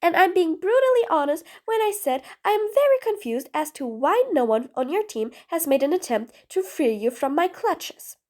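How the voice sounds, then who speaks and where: A woman's voice: very high-pitched, very animated, normal speed, few pauses, darkish tone. A woman playing a sarcastic, bossy supervillain. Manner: sarcastic and bossy, with taunting nicknames. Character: sarcastic, exasperated female supervillain jailer. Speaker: voice actress. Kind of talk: audio role-play drama.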